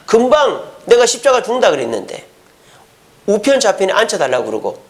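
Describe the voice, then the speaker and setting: A man's voice: high-pitched, huge pitch swings, fairly quick. A male pastor giving a conversational sermon at a Friday church service, full of rhetorical questions.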